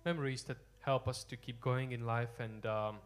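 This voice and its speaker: A man's voice: mid-range voice, steady tone, normal speed. A young Latvian man chatting with the audience between songs on a theater stage, hesitant and self-deprecating with many ums, into a stand mic. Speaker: singer-guitarist. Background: guitar.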